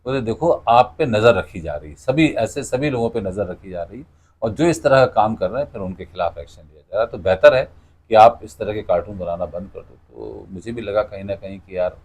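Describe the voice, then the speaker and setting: A middle-aged cartoonist and radio announcer answers interview questions in a conversational, explanatory way, using anecdotes with quoted dialogue. His fairly low voice is animated and brisk, with a somewhat dark tone.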